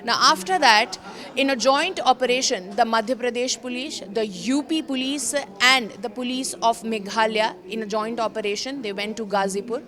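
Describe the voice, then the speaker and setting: Crowd noise surrounds this Indian-accented woman as she presents semi-scripted news explainer commentary as a reporter. She talks at an ordinary speed in a slightly high voice, stressing her points forcefully and restating phrases for effect.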